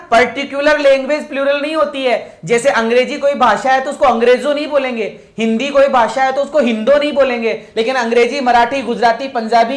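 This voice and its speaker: A man's voice: extremely high pitch, reverberant. A male teacher running an online English grammar class, repeating questions, praising and scolding his students.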